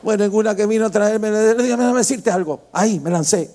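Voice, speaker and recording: A male pastor preaching a sermon with passion, moving from quiet, intimate storytelling to loud, shouted exhortation. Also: high-pitched, fast. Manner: impassioned preaching, swings from hushed to shouting.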